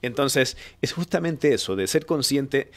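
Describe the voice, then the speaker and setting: A man's voice: mid-range voice, animated, unhurried. A man interviewing a voice-over artist, asking questions in a casual, conversational way.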